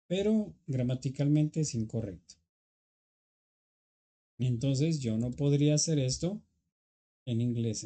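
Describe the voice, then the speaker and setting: A man's voice: mid-range voice, dark tone. A man teaching an English grammar lesson, patiently explaining and checking in with students.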